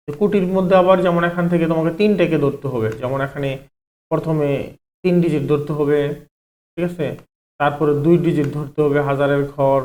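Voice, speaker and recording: This man teaches math online in a slightly mellow, high-leaning voice, speaking a little quickly. He breaks things down step by step, raises questions he then answers, and often says "ঠিক আছে".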